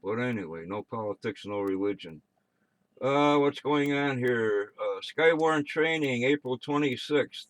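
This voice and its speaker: An American man working as net control on an amateur radio net, reading check-ins and announcements in a halting, offhand way with muttered asides. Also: mid-range voice, animated, fairly bright tone, slight background noise, low-quality recording.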